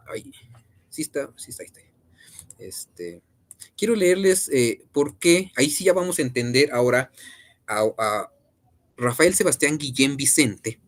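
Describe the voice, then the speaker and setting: Mexican man lecturing, chatty fillers. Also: medium pitch. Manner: conversational, frequent fillers and question tags. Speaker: teacher. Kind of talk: online class lecture.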